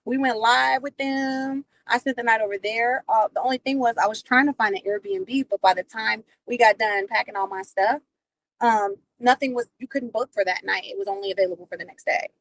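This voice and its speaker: A woman hosting a livestream, telling a personal story in a profane, animated way. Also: a little high, fairly quick, no echo, poor audio. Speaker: livestream host. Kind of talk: casual storytelling.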